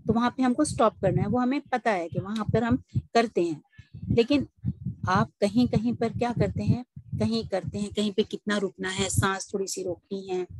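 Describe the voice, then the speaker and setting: A woman teaching an online recitation class over a video call, explaining patiently and slowing down to recite examples. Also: mid-range voice, a little mellow, no room sound, low-quality recording.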